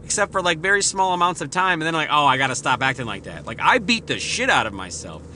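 A man's voice: on the high side, very animated, fast, bright, forceful tone, a little hiss or hum. A married man hosting a solo podcast, talking in a casual, profane, rambling and self-deprecating way. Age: adult, married father. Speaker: podcast host.

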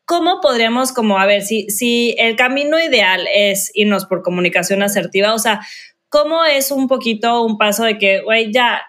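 A woman's voice: a little high, moderate pace, a bit bright. A woman with a Mexican accent hosting a casual podcast, talking in a chatty, slangy way full of fillers.

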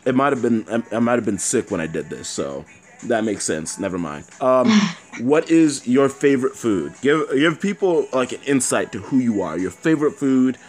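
A man's voice: medium pitch, big pitch swings, moderate pace, a little mellow, faint music behind. A man who sounds nasal and congested from being sick, hosting a casual chat show with playful, teasing exaggeration. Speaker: show host.

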